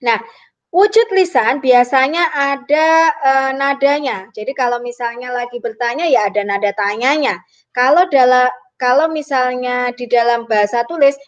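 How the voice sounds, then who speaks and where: A woman's voice: on the high side, highs cut off. A woman teacher explaining a grammar lesson patiently, acting out example sentences as she goes. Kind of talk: online lesson.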